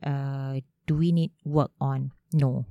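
Malaysian female interviewee, Manglish with Malay particles, informal, dark warm tone, dry sound. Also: extremely low pitch, steady tone, takes it slowly, vocal fry, no echo. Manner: Manglish, mixing Malay words and particles into English; informal, frequent "you know". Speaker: interview guest, head of a startup agency. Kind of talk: conversational interview answers.

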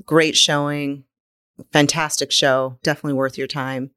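A woman's voice: low-pitched, flat delivery, moderate pace, fairly bright tone, clean tone. A woman speaking casually as an interior designer being interviewed on a podcast.

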